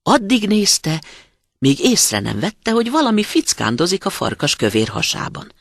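A storyteller reading a fairy tale aloud dramatically, dropping to a hush at tense moments. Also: medium pitch, sing-song, creaky, dry recording, clean studio sound.

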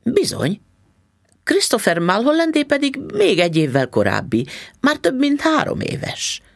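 A polite, curious young man lodging at a boarding house, read by a male narrator. He talks in a musing, lively way. His voice has a gravelly rasp and is recorded dry and close. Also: very high-pitched, no echo, pitched above the performer's own voice, exaggerated voice.

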